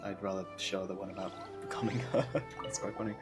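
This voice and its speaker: Over game music, a young man with a deep voice and flat delivery talks fairly quickly on a live game stream. He reads aloud and reacts in a casual, slangy, rambling, jokey way.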